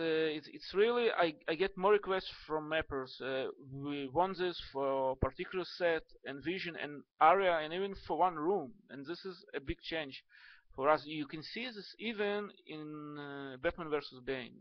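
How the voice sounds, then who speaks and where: A young Ukrainian video blogger, a native Russian speaker with a Russian and Hebrew accent, talks to camera haltingly and casually, with many fillers and restarts. His voice is a little high, the recording has no room sound, and the highs are cut off.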